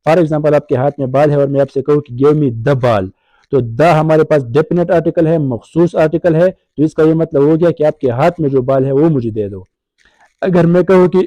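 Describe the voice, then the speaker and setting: Guy teaching english grammar, keeps asking "right?", kinda high mellow voice, dry sound. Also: no echo, poor audio. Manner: explains in Urdu mixed with English, asks "right?" often. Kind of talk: recorded lecture.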